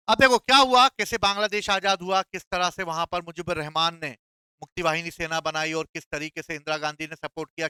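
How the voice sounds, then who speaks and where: Bright, high-voiced lively male teacher. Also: clean tone, dry recording. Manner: playful, quizzing students with call-and-response questions. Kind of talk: classroom lecture.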